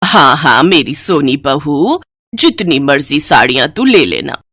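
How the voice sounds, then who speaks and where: A woman's voice: deep voice, big pitch swings, measured pace, bright, forceful tone, breathy edge, no room sound, studio quality, voice pushed down, exaggerated voice. A woman voicing a harsh, bossy older mother-in-law who scolds with contempt. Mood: doting.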